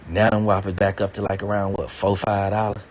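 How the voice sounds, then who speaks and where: A man's voice: monotone, a little fast, slight background noise. A man ranting casually to camera, swearing a lot, stammering and repeating himself, his voice jumping up when he gets indignant. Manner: rambling, swears heavily, stammers and repeats words; indignant, pitch jumps high when worked up. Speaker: vlogger. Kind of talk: casual profane rant.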